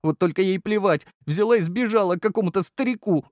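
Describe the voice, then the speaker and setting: A man's voice: sits high, slow, creaky, darkish tone, no echo, clean studio sound, pitched above the performer's own voice, exaggerated voice. A man voicing a whiny young male deputy officer who whimpers and sniffles, in an audiobook. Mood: sobbing. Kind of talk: audiobook character voice.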